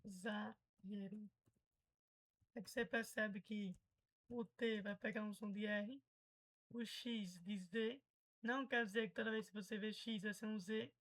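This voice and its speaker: A woman's voice: mid-range voice, steady tone, normal speed, fairly bright tone, low-quality recording. A Brazilian woman teaching English pronunciation in a casual, chatty way, patiently explaining and repeating example words.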